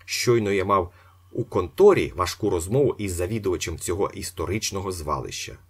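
A man voicing a brash, boastful young swindler in an audiobook, with a husky voice. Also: sits low, expressive, brisk, heavily acted. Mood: cold. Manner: brash, commanding, theatrical. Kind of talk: audiobook character voice.

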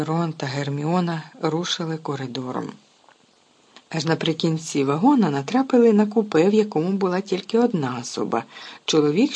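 A reader narrating a storybook in a steady, even way with a husky voice. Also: mid-range voice. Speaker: audiobook narrator.

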